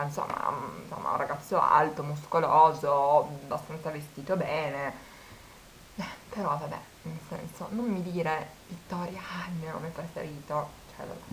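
Woman in her twenties, casual chat, slightly low pitch. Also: steady tone, normal speed, slight background noise, poor audio. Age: 20s. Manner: chatty storytelling, quoting people. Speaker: vlogger.

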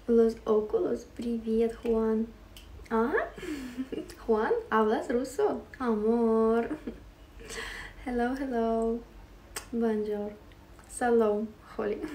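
A woman's voice: fairly high pitch, warm tone, roomy sound, far from the mic, slight background noise. A woman from Ukraine hosting a casual livestream, greeting and thanking viewers, giggling often as she switches between languages. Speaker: live-stream host.

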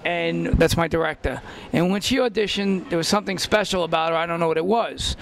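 A middle-aged man holds a handheld mic at a red-carpet event and tells an upbeat, brisk story. His voice is unusually high with a gravelly grain. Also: a little hiss or hum. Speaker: talent agency host. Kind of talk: casual red-carpet introduction. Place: indoor event in front of a banner.

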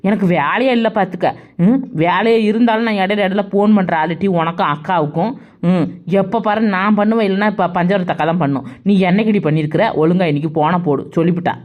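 A woman's voice: fairly low pitch, quick pace, narrow, tinny audio, natural voice. Woman playing a bossy village friend.

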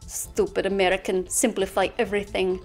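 A woman putting on a deliberately bad Russian accent to voice a smug figure who sneers at Americans in slow, clipped declarations. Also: medium pitch, flat delivery, darkish tone, faint music behind, close to an everyday voice. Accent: put-on Russian accent.

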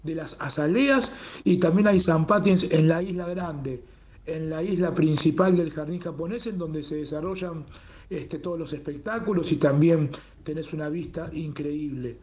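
A Rioplatense man speaks as a guest on a radio interview, his voice sitting a little high. He talks with open enthusiasm and keeps checking in with a rhetorical "¿no?" at the end of his sentences. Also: normal speed, crowd noise. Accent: Rioplatense Spanish. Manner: warm, enthusiastic, fond of rhetorical "¿no?". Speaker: guest, communications manager of a Japanese garden.

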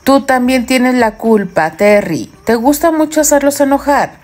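A woman's voice: high voice, expressive, a little slow, darkish tone, voice pushed up. A woman voicing a cheerful, affectionate young wife in an audiobook romance.

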